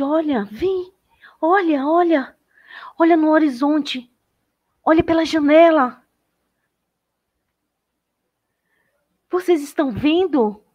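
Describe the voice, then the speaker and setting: Woman doing an excited, exclaiming villager. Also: high-pitched, voice pushed up. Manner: eager, exclaiming.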